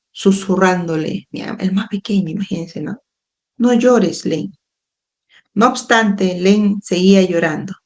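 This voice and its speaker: A woman reads a book aloud at an unhurried pace for a live online book club. She stops often to explain passages and check in with listeners in a plain mid-range voice. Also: mid-range voice, a little mellow. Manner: reads slowly, adds frequent explanatory asides. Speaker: educator and book club host. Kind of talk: live book reading with comments. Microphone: phone or webcam livestream.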